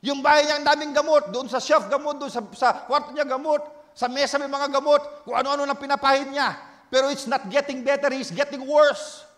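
A male pastor preaching a sermon in Tagalog and English, swinging between shouted exhortation and hushed storytelling, with frequent amens. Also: very high voice, fairly even intonation, brisk, in a large hall. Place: church.

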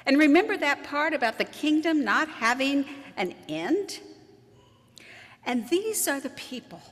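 Woman, pastor, sermon, fairly high voice, long church echo. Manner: animated, emphatic preaching with wry asides.

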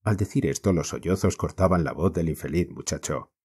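A man with a Spain accent reading a classic novel as an audiobook narrator, in a measured, declamatory style. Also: low-pitched, darkish tone, breathy edge.

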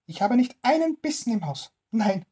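A stingy old woman who grumbles and complains, her voice pitched far up, shrill and a little breathy. She swings her tone about in a lively way while she protests. She is a figure in a bedtime storybook reading. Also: normal speed. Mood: grumbling.

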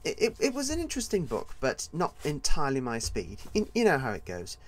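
A man's voice: on the high side, wildly swooping pitch, brisk. A man hosting his own podcast as an author, talking in a casual, rambling and digressive solo monologue.

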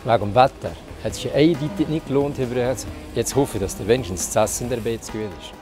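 A man's voice: mid-range voice, fast, music in the background. A man in his sixties with a Swiss German accent, hosting a restaurant test with blunt, teasing, grumbling remarks while walking around. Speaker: restaurant tester host. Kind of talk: casual on-camera chat. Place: outdoors in a mountain village, then hotel rooms.

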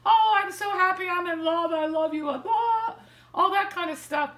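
Older woman, very high bright voice, animated storyteller, roomy living room sound. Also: moderate pace. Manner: animated, acts out quoted lines with hand gestures. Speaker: vlogger sharing dating advice. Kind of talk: casual storytelling to camera. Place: living room, seated in armchair indoors. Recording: echoey room.

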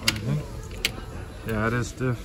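A man's voice: medium pitch, extremely slow. A man casually chatting while filming a shopping vlog, pointing out prices as he walks around. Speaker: vlog host. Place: large indoor retail store. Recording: store music playing behind.

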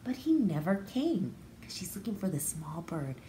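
In a sing-song, mellow voice on the low side, an American pre-K teacher reads a story to little kids at a normal speed, explaining it expressively in plain words. The small hard-walled room gives a roomy echo, with faint noise in the background.

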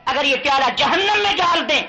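A man preaching a fiery sermon to a crowd in a rhythmic, rhyming cadence, calling the listeners to answer him and rising into impassioned shouts. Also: very high-pitched, animated. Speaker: Islamic preacher. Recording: dull lo-fi 1982 tape of a live gathering.

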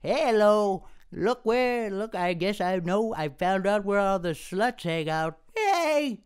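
Cranky old people bickering, comedy bit, high and swoopy. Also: male voice, lively intonation, takes it slowly, clean tone. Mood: crotchety, bickering. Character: crotchety old person arguing bitterly. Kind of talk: switching impression voices.

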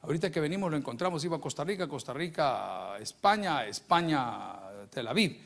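A middle-aged Salvadoran pastor preaching in church, his fairly high, husky voice leaping up and down as he acts out anecdotes. He speaks with a Salvadoran accent and a playful, storytelling manner. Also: fast. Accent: Salvadoran Spanish. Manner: animated storytelling, acting out dialogue, jokes. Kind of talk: lively sermon with anecdotes. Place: church sanctuary.

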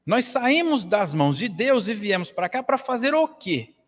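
A Brazilian man in his forties delivers an earnest spiritist lecture, gesturing widely at a lectern. His voice sits high for a man. The stand mic picks him up in a small hall with a long, ringing reverb. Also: sing-song, moderate pace. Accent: Brazilian Portuguese. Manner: earnest, preaching with wide gestures.

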